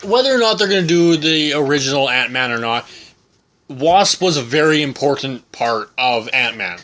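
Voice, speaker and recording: A man co-hosting a casual podcast, throwing in quick jokes and teasing quips. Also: medium pitch, animated, fairly bright tone. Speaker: podcast co-host.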